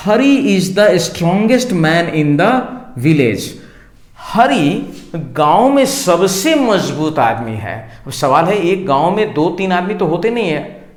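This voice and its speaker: A man with a high voice explains grammar rules as a teacher. He slows down sharply to spell out example sentences and break words into syllables. The sound carries a noticeable room echo. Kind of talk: Hindi-medium grammar lesson.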